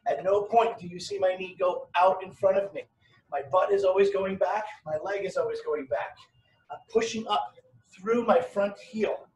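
High-pitched male fitness coach, roomy sound. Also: fairly even intonation, normal speed, darkish tone. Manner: plain, step-by-step explaining. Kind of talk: instructional workout demonstration. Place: hard-walled home gym or patio workout space. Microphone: camera a few metres away. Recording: roomy, distant mic with background noise.

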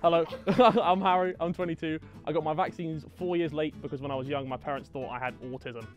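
A young man in his twenties from Guernsey, awkwardly delivering deadpan confessions as a contestant on a studio dating show. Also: fairly high pitch, brisk. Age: 20s. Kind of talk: comedic dating-show pitches. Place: indoor studio stage. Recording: studio with background music.

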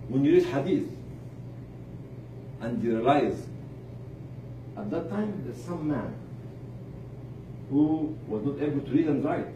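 Here a motivational speaker addresses charity staff in a relaxed religious talk, his pitch bouncing energetically. Before a live crowd he stresses points, pauses, and asks rhetorical questions, all heard through a far mic in a reverberant, clearly noisy room.

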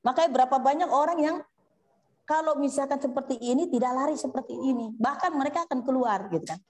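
A woman's voice: high-pitched, quick pace, darkish tone. Woman leading an Islamic study circle. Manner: addresses listeners as Bunda, asks questions; acts out heartfelt prayers. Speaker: religious study teacher. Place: women's study gathering.

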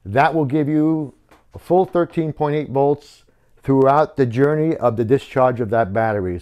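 In a wooden home workshop, a man in his fifties hosts a how-to video channel, walking viewers through a tutorial step by step in a relaxed, conversational way. His mid-range voice has a slightly mellow quality.

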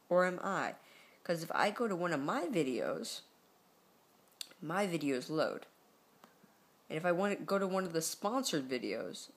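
A man vlogging late at night from his bedroom, talking casually into his camera mic in a sleepy, meandering way full of fillers and self-corrections. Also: on the high side. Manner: drowsy, easygoing talk. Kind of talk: rambling late-night vlog chat. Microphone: computer or camera mic.

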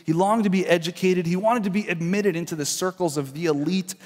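A man delivers a sermon in an earnest, conversational way, restarting phrases as he goes. His voice sits a bit high for a man. It rings out in a church hall with a long reverb tail. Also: steady tone, a little fast, a little mellow. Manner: earnest, conversational preaching with restarts and acted quotes. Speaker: pastor. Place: church sanctuary.

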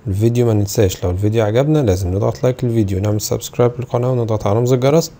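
A man's voice: medium pitch, warm tone. A man with an Egyptian Arabic accent teaching an English phonetics lesson, stretching out model words and repeating each one several times. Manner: slow, drawn-out model pronunciations of English sounds. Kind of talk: online video lesson.

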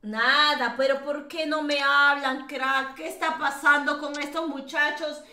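A woman's voice: high-pitched, steady tone, unhurried, bright, forceful tone, echoey room. A woman hosting a casual game live stream, chatty and teasing, laughing often.

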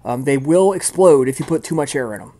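A man's voice: mid-range voice, lively intonation, brisk, dark tone. A man narrating a tabletop game as game master in a casual, rambling way, full of fillers.

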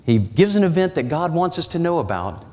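A man in his forties preaching a sermon in a church, walking the platform and slowing down, dropping his voice low for dramatic emphasis. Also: sing-song, mellow. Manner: walks the platform, gesturing as he preaches. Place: church sanctuary. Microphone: lapel mic and pulpit mic. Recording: church hall reverb.

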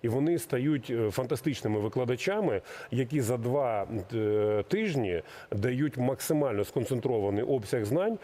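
A middle-aged man in military recruiting, his voice medium-pitched, warm and expressive, gives measured, explanatory answers in an interview. He hesitates often along the way.

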